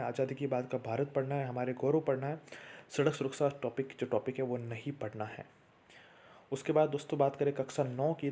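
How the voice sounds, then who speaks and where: Man, exam tutor, steady listing delivery, flat, dark tone. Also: mid-range voice. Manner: steady list-like delivery, addresses viewers as friends. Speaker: exam prep teacher. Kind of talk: exam syllabus walkthrough.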